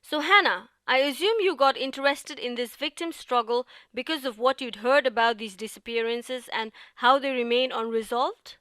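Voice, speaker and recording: Woman from nepal hosting a podcast, bright clear voice, bit high, dry close sound. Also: normal speed, hardly any pauses, no room sound. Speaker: podcast co-host. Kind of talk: scripted podcast narration.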